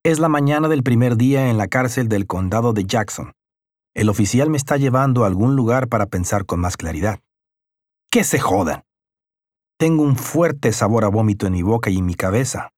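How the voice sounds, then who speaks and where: A man's voice: medium pitch, expressive, fairly quick, a little mellow, no room sound. Somber male audiobook narrator, dry sound. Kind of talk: first-person audiobook narration.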